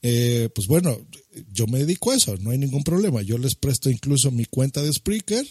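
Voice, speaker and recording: A man's voice: medium pitch, lively intonation, fairly quick, warm tone, husky, no room sound, studio quality. A man co-hosting a podcast, explaining the event rules in casual chat with lots of fillers.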